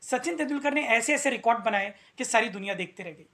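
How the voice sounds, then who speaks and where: A man's voice: very high voice, expressive, fast, bright, forceful tone. Earnest male teacher repeating key points. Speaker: English teacher. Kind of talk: motivational video lesson.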